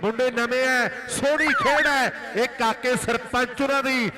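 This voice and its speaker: A man's voice: extremely high pitch, fairly even intonation, moderate pace, very noisy. A man with an Indian Punjab accent delivering frantic rural sports commentary at a kabaddi tournament, exhorting and repeating his phrases. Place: live commentary at a village kabaddi tournament ground.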